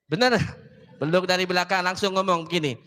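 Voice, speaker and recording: High, bright-voiced preacher man in a hall. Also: moderate pace. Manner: joking, chatty, addresses audience directly. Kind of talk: casual sermon to women's gathering. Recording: long hall reverb.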